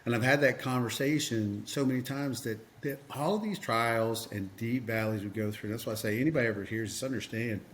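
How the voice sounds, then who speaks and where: A man's voice: mid-range voice, brisk, few pauses, slight background noise. A man, a podcast guest and coach, tells a personal story earnestly, with lots of fillers and restarts.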